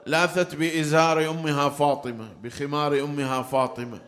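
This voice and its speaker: A man's voice: fairly high pitch, steady tone, brisk, a bit bright, echoey room, long reverb tail. A man preaching a mourning sermon, moving between storytelling and chanted elegy. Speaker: religious orator.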